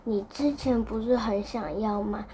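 A woman voicing a gentle, caring grandmother in a storybook, softly asking. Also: mid-range voice, a little slow, slight background noise, close to an everyday voice.

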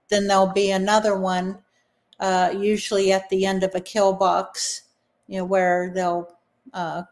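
A woman guest talks slowly and steadily, with very little rise and fall in her voice. She comes across as measured and matter-of-fact in a casual interview. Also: fairly low pitch.

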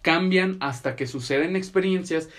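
A man's voice: fairly high pitch, normal speed. A young man with a Mexican accent chatting casually as a podcast co-host, explaining things in slangy, profane language. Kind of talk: casual chat.

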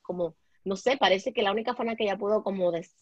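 A woman's voice: medium pitch, fast, dry recording. A woman, recounting her own experiences as an interview guest. She drops in English words and restarts often, and her voice is dry and dull, as if from a lo-fi mic. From Puerto Rico. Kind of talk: personal storytelling in conversation. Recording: dull, lo-fi sound.

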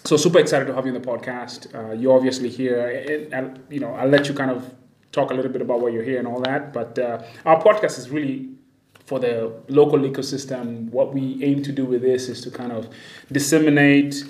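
A man hosting a podcast interview, upbeat and quick to laugh, with many fillers. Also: medium pitch, steady tone, darkish tone. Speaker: podcast host. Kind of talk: casual interview. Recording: echoey room.

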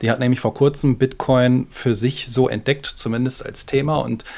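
A man with a gravelly, creaky voice chats casually as a podcast co-host. He talks in a loose, relaxed way, hedging and filling pauses as he goes. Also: medium pitch. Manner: relaxed, chatty, with fillers and hedges. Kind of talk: casual chat.

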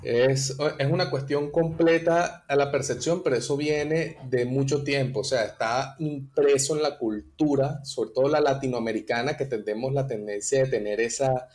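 Male guest, mid-pitched, calm explainer, steady methodical delivery. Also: moderate pace, few pauses. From Venezuela. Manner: patient, explains step by step with examples. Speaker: guest economist. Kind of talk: explanatory interview talk.

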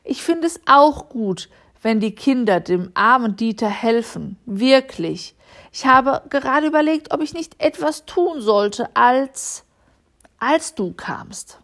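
A woman's voice: a little high, animated, takes it slowly, a bit bright, pitched above the performer's own voice, exaggerated voice. A woman voicing a kindly older woman who worries and scolds, in a children's storybook reading. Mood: worried. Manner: worried, chiding.

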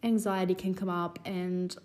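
A woman's voice: fairly low pitch, level tone, moderate pace. Earnest twenty-something woman podcaster. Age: 20s. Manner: warm, earnest, rambling with many "you know" fillers. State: slightly congested, recovering from a cold. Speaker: podcast host. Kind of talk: casual solo podcast talk.

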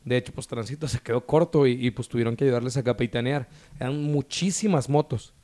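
A man with a northern Mexican accent and a hoarse voice, chatting casually and using heavy slang. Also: medium pitch, a little fast, dark tone. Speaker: podcast co-host.

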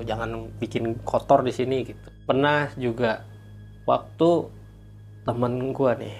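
A man tells office ghost stories in a relaxed, chatty way. He acts out sounds with little clicks and hums, and his voice sits at an ordinary pitch. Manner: animated, acts out sounds with small noises. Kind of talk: casual storytelling chat.

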